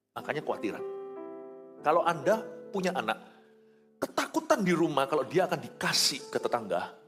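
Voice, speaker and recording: Animated male pastor in a reverberant hall. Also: a little high. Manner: animated, swings between loud and soft. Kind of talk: sermon.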